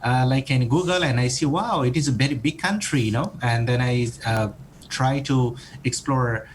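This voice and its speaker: A man's voice: medium pitch, normal speed, a little hiss or hum, poor audio. A man from Nepal, a doctoral student, answering podcast interview questions in a hesitant way with many fillers and restarts.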